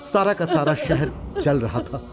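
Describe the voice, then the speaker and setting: A man's voice: fairly high pitch, lively intonation, a little slow, loud music behind the voice. An actor voicing a boisterous, cheeky auto driver who teases his landlord. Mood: somber recounting. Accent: Hindi dub. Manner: loud teasing banter, swaggering.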